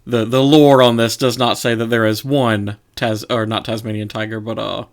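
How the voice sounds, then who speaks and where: A man's voice: medium pitch, level tone, normal speed. A man co-hosting a podcast, mostly listening at an easy pace. He cuts in now and then with short questions and dry jokes. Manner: laid-back listener with dry jokey interjections. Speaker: podcast co-host. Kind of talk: casual podcast chat.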